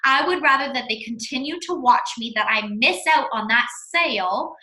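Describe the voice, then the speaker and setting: A woman with a bright, slightly high voice delivers a casual, animated coaching talk at normal speed, blunt and emphatic, repeating words to hammer her point home. She comes across like a fitness coach training her sales team, and the room echoes around her.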